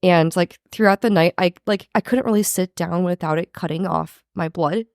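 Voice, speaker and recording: A lowish-voiced woman with heavy, creaky vocal fry, chatting as a podcast co-host. Her delivery is informal and peppered with filler "like", recorded close and dry. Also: moderate pace, darkish tone, no echo. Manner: informal, swearing, frequent "like". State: husky from recent covid. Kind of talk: casual recap chat.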